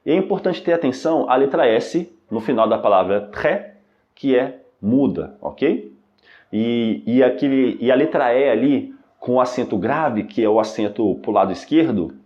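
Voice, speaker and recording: Man, language teacher, very slow pace, patient, repeats phrases, dull lo-fi sound. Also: medium pitch, a little mellow. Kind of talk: online lesson. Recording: dull lo-fi recording.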